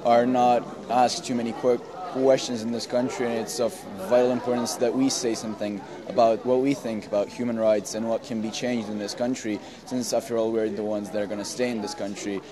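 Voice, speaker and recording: A man's voice: medium pitch, level tone, fairly quick, few pauses. Earnest young man outdoors, crowd behind. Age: young adult. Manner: earnest, with frequent fillers. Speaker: young festival participant. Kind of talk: interview answer. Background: crowd chatter.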